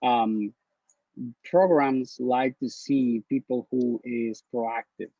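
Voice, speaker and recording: Earnest and blunt, a Honduran man who has just matched into neurology residency gives advice over a video call, frequently repeating words. His voice is mid-range, mellow and slow, with fairly even intonation. It's a casual interview in a slightly dull lo-fi recording with no echo.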